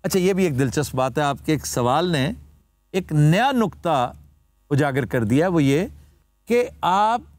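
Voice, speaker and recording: Lively, high-voiced man. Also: a little slow, no room sound, clean studio sound. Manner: explanatory, lecturing, formal Urdu vocabulary. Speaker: host. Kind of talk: talk show word-origin explanation. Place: TV studio.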